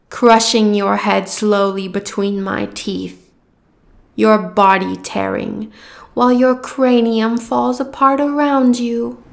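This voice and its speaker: A woman voicing a cruel, gloating giant goddess who speaks in slow, taunting threats. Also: medium pitch, vocal fry. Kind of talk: fantasy audio roleplay.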